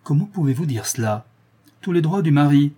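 A man reading the part of a hot-tempered young man, curt and forceful as he confronts his family. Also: fairly high pitch, expressive, normal speed, breathy edge. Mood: angry, forceful.

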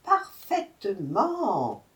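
A woman voicing a sly male jackal who plays dumb in a storybook tale, whining in a high, drawn-out, fretful voice. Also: huge pitch swings, a bit bright, exaggerated voice. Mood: whiny feigned confusion. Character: sly male jackal feigning silly confusion. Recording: echoey room, voice from far off.

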